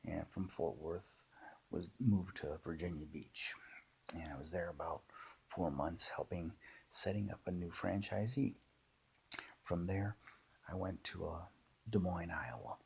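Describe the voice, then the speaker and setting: Casual monologue, man in his fifties: low, very raspy and breathy, halting and unhurried. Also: fairly even intonation, darkish tone. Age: 50s. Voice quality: gravelly, husky. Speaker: pipe hobbyist and former tobacco shop worker.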